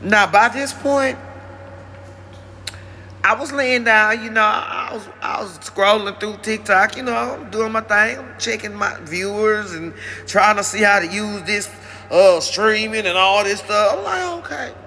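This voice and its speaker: A man's voice: high-pitched, measured pace, sharp tone, slight background noise. A male comedian telling a rambling comic story and talking directly to his audience.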